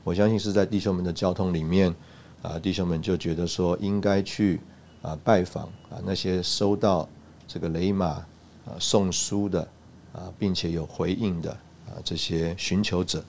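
Deep-voiced guy sharing his church testimony, lots of uh and ah, faint hiss behind. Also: fairly even intonation, darkish tone. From Taiwan. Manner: halting, many "uh" and "ah" fillers. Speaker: church speaker giving a testimony. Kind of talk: recounting a personal testimony.

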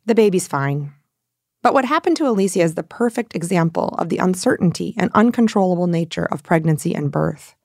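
A woman hosting a podcast, giving brief affirmations and measured narration. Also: on the low side, lively intonation, creaky, a little mellow, dry recording, clean studio sound. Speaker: podcast host. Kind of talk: narration and listening.

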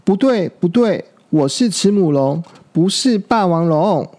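Man doing a small boy dinosaur, high and pleading, with a gravelly edge; storybook. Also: expressive, measured pace, dark tone, exaggerated voice. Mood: indignant. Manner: pleading, insistent. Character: frightened little boy dinosaur, earnest, stubborn.

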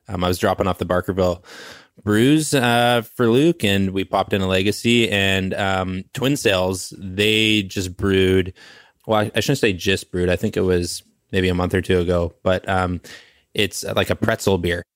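A man's voice: deep voice, fairly even intonation, unhurried, dry recording, studio quality. A man co-hosting a casual podcast from home over a remote call, telling stories and cracking jokes about beer. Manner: chatty storyteller, jokes around. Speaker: podcast co-host. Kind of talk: casual chat.

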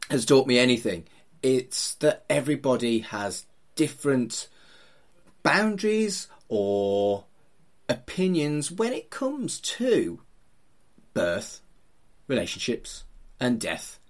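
A man's voice: medium pitch, very animated, slow pace, pauses often. A middle-aged man, hosting a podcast in an informal, teasing, chatty way. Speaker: podcast host, funeral celebrant.

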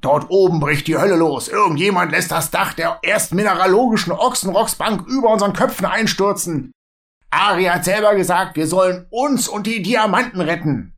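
A man voicing a bossy male dwarf who shouts and scolds his cousin. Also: sits high, expressive, slow pace, voice pushed up, exaggerated voice. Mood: angry.

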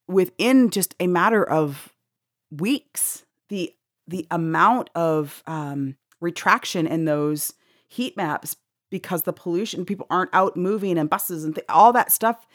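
A middle-aged woman co-hosting a casual podcast chat, animated, laughing a lot and swearing freely. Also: on the low side, unhurried, no echo, studio quality. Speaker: co-host.

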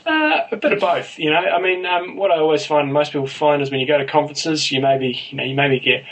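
A man's voice: fairly high pitch, fast talker, a bit bright, distant mic, rough recording. A man with a New Zealand accent talking casually as a podcast co-host. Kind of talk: casual co-hosted sports chat.

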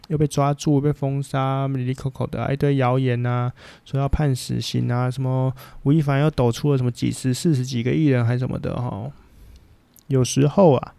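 A man with a Taiwanese Mandarin accent holds forth in a casual podcast chat, blunt and rambling, swearing without a second thought. His voice has a gravelly, mellow timbre. The sound is dry and close, with no room around it. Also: medium pitch, no echo. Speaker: podcast host.

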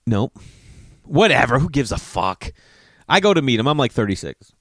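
Here the same kind of speaker, a man in his forties from Massachusetts, has a mid-range, very animated voice at normal speed. His personal story wanders, with frequent lost threads, self-corrections and casual swearing, all captured in clean studio sound without echo.

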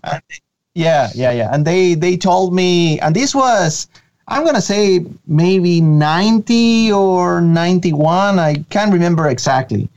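A man's voice: high-pitched, unhurried, a little mellow. Man, eager and lo-fi. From Venezuela. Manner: enthusiastic, many fillers and restarts. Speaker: guest, creative director of an animation studio. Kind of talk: casual interview.

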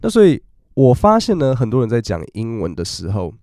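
A man's voice: mid-range voice, huge pitch swings, brisk, dark tone, no room sound, studio quality. A man, hosting a casual, chatty podcast about work English. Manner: chatty, storytelling, acts out quoted voices. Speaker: podcast host teaching English. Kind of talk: casual chat.

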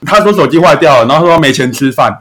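Young man, Taiwanese Mandarin accent, podcast host, casual chat, laughs a lot, very animated pitch. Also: quick pace, heavy background noise. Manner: jokey, laughs often, swears casually.

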